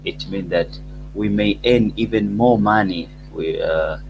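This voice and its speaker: A man's voice: lowish voice, vocal fry. Hesitant Tanzanian man over a humming call. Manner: halting, many hesitations. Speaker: summit participant. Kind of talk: online meeting comment. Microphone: video call. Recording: video call with loud hum.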